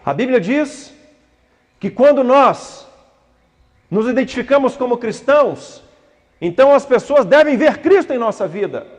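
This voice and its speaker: A man's voice: very high-pitched, expressive, a little slow, pauses often. A man preaches a sermon. He acts out prayers and little dialogues and builds to fervent pleading. The sound carries a long reverb from a church hall. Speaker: pastor.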